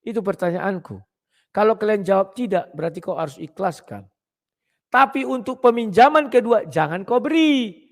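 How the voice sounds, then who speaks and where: A man giving blunt, casual preaching talk to his viewers, clearing his throat often. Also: high voice, lively intonation, normal speed.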